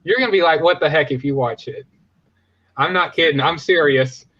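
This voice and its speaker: High-voiced excitable man, dull lo-fi sound. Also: normal speed. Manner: excitable, jokey, laughs easily. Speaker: podcast co-host. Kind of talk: casual chat.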